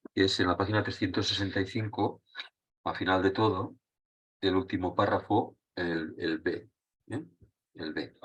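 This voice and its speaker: Speaking in an unscripted, conversational manner, a man teaches Spanish grammar, laying out the rules patiently and pausing to confirm his students are with him. His very deep, husky voice carries a fairly bright tone.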